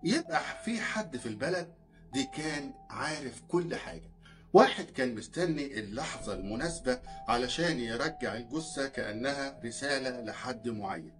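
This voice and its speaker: A man's voice: medium pitch, animated, normal speed, music in the background, close to an everyday voice. An Egyptian-accented man voicing a cold, guarded young village man in a crime story.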